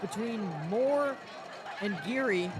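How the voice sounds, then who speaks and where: Male play-by-play for live school football, very high-pitched, heavy crowd noise. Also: slow. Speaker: play-by-play commentator. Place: outdoor football stadium. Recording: noisy outdoor stadium, loud crowd.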